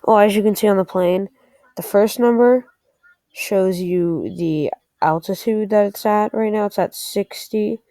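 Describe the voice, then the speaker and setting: Presenting a casual screen-recorded game tutorial, a woman thinks aloud and sounds a little hesitant as she explains. Her mid-range voice is warm and a little slow, with no room sound.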